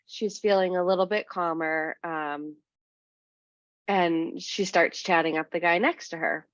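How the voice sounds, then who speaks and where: Low-voiced woman telling a rambling story. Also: unhurried, no echo. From New Hampshire. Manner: rambling, heavy use of "like" and "um"; animated when quoting others. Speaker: podcast guest. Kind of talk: casual anecdote telling. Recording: dry, slightly muffled podcast mic.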